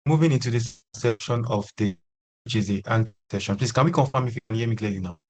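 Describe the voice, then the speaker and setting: A man's voice: medium pitch, quick pace, a little mellow. A man moderating a webinar over a video call, hesitant and apologetic, his weak connection breaking up. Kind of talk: online meeting moderation. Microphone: remote video call.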